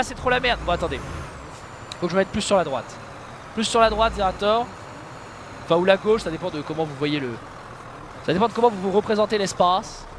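A man with a high voice that jumps all over the place chats through his gameplay for his viewers. He yelps at near-misses and makes joking, self-mocking remarks about his own blunders. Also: background noise. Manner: excitable, exclaiming and laughing at his own mistakes. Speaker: video game streamer. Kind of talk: casual gameplay commentary.

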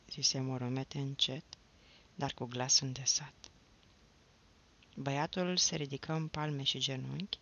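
A woman reading a novel aloud as an audiobook, in a measured storytelling manner. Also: deep voice, creaky, pushed and bright, highs cut off. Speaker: audiobook reader.

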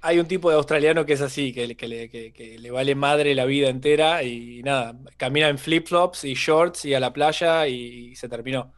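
A man with an Argentine accent, a comedian guest on a podcast, telling stories in a slangy, animated way. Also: mid-range voice, normal speed, few pauses. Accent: Argentine Spanish. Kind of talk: casual chat.

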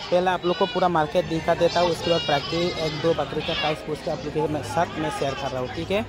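A man's voice: a little high, fairly even intonation, fast talker, a loud crowd. A young man chatting to his viewers while vlogging through an outdoor market, talking into a phone held at arm's length. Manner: chatty, addresses viewers as guys, asks prices. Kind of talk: casual market vlog narration.

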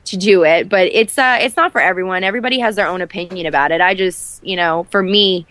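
This fairly low, slightly bright voice belongs to a twenty-something actress chatting openly as an interview guest. She talks quickly, restarting often and using plenty of fillers, with no echo in the sound.

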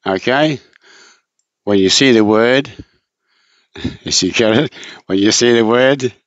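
Low-voiced man, patient tutor. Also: a bit bright, no echo. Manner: patient, repetitive, drawn-out explaining. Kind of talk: casual spoken tutorial. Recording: dull lo-fi recording.

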